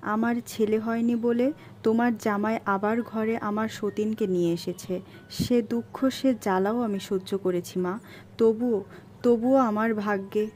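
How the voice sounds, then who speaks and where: A woman's voice: a little high, fairly even intonation, a little slow, dark tone, a little hiss or hum, natural voice. A woman voicing a tearful, grieving young wife. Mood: sobbing. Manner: tearful, pleading, heavy-voiced. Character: young wife driven from home, grieving, desperate. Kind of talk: audiobook character voice.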